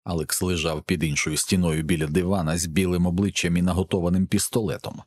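A man with a very low, deep voice narrates an action novel. His reading is steady and measured throughout. He keeps an even, scripted narration pace. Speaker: audiobook narrator.

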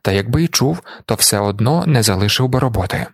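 A man narrating an audiobook in a steady, measured way. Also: medium pitch, dry recording, studio quality.

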